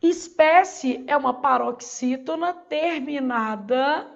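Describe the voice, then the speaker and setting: A woman's voice: high-pitched, takes it slowly, creaky, dull audio. A Brazilian woman teaching a Portuguese exam-prep lesson, asking questions and answering them herself. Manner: didactic, asks and answers her own questions.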